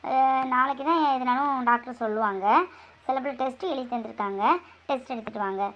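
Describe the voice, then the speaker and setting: A woman voicing a brisk hospital nurse in a homemade family skit, calmly giving instructions about tests, rest and medicine. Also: high-pitched, slight background noise, voice pushed down, natural voice. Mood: instructing. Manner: matter-of-fact, giving instructions. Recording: dull lo-fi recording.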